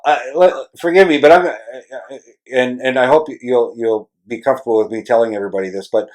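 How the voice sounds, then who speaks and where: A man hosting a podcast interviews a travel writer in a casual, rambling, hesitant way, building up to long questions. His mid-range voice has a darkish tone, and the recording quality is low.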